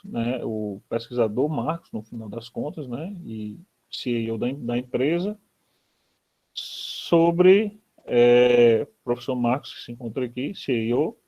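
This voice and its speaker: A man's voice: mid-range voice, mellow. A man with a Brazilian accent moderating an online academic interview, hesitant with many fillers. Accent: Brazilian Portuguese. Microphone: video call. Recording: dull lo-fi video call audio.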